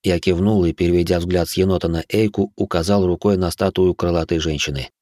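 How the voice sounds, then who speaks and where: Guy reading an audiobook, lowish voice, dry wry tone, super dry close mic. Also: fairly even intonation, a little fast, dark tone, no room sound. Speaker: audiobook narrator. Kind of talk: first-person audiobook narration.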